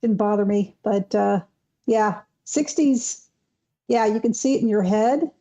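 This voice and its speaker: A woman's voice: medium pitch, a little slow, warm tone. A woman in her thirties co-hosting a livestream, chatting in a wry, reflective way. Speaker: co-host of a livestream. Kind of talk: casual chat.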